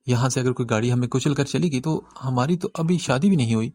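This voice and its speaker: A man's voice: mid-range voice, darkish tone, dry recording, natural voice. A man reading an audiobook voices a young male street thug who wheedles and then whispers in fright. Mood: wheedling, nervous. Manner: wheedling, nervous whispers to his friend.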